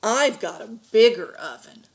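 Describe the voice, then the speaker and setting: A woman voicing a dry-humored female police officer in a read-aloud storybook, speaking deadpan. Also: on the high side, unhurried, slightly rough, heavily acted. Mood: joking.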